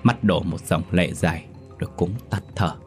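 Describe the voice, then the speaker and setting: A man with a low voice narrates a ghost story in steady, solemn scripted storytelling. Faint background music runs beneath him throughout. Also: normal speed.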